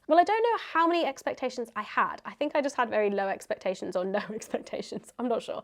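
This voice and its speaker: Candid, chatty woman vlogger. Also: on the high side. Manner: candid and conversational, thinking aloud. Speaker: video host answering viewer questions. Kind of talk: casual chatty question-and-answer vlog.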